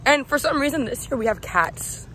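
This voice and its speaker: A hoarse young woman with a fairly high voice, speaking wryly while she guides part of a school tour. She is recorded outdoors on a phone, with people chattering around her. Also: animated, moderate pace, a crowd in the background. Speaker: graduating senior on a school tour. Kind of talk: casual vlog chat.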